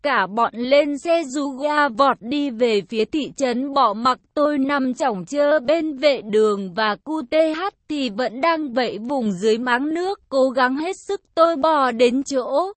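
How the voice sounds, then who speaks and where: Woman storyteller, high voice, dry close recording, slow and somber narration. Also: dry recording. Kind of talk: first-person story narration.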